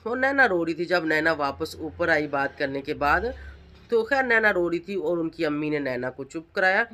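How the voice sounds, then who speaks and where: A woman's voice: low voice, a bit bright. A middle-aged woman, giving an emphatic reaction vlog commentary full of accusing rhetorical questions. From Pakistan. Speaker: vlogger.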